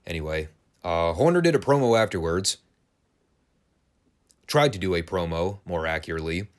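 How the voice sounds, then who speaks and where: A man's voice: deep voice, animated, normal speed. A man hosting a wrestling podcast, giving a casual, sarcastic and crude play-by-play review of an old broadcast. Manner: sarcastic, crude, dry humor.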